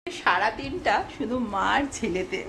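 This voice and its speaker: A woman's voice: mid-range voice, unhurried, creaky, fairly bright tone, a little hiss or hum. A young woman filming her toddler at home, narrating and coaxing him with playful baby talk.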